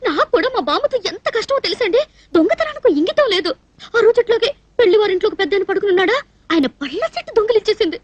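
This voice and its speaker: An actress dubbing an innocent, eager young woman hoping to marry, sweet and quick to tears. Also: extremely high pitch, expressive, no room sound, lo-fi sound. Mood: chatty. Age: young adult. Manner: innocent, eager, easily tearful. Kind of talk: dubbed film comedy acting.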